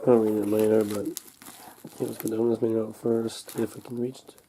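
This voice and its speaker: At home over a table, a young man recovering from a cold mutters haltingly through an unscripted product unboxing, handling the packaging as he goes. His lowish voice is level and warm, and the camcorder microphone close overhead picks up a little hiss or hum.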